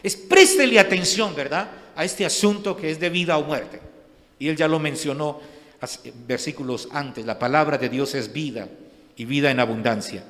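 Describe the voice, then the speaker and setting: A man preaching a sermon in a slightly higher-than-usual voice. He talks to the congregation conversationally, full of restarts and rhetorical questions. His voice rings with the long reverb of a church sanctuary. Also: normal speed, fairly bright tone. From Colombia. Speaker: pastor.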